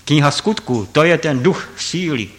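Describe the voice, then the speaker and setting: A man teaching a group from the Bible, emphatic, swinging from loud stress to quiet asides and checking that listeners follow. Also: on the high side, animated. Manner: talks directly to listeners, checks they follow. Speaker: preacher.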